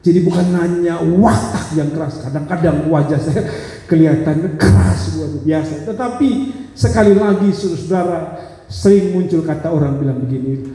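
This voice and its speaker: A man's voice: normal speed, mellow. A male pastor preaching a sermon, telling a story dramatically and speaking straight to the congregation. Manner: dramatic storytelling with wide pitch swings, addressing the congregation directly. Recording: echoey church hall reverb.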